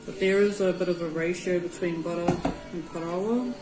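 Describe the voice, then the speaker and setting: A woman's voice: fairly low pitch, fairly even intonation, a little fast. A woman with a New Zealand Māori accent giving an easygoing, informal cooking tutorial, mixing in Māori words. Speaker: home cook presenting a recipe. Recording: roomy echo with music behind. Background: music.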